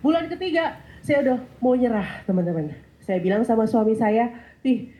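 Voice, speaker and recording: A woman in her thirties with a stuffy nose giving a lively testimonial speech, acting out dialogue as she tells her story. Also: on the high side, brisk, poor audio. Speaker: sales testimonial speaker. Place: event hall.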